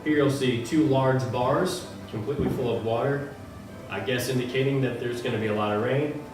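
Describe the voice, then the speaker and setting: Echoey man playing a deadpan, pompous news anchor. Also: mid-range voice, moderate pace, lightly acted. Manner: deadpan, mock-authoritative. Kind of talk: parody newscast. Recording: echoey room, distant mic, music behind.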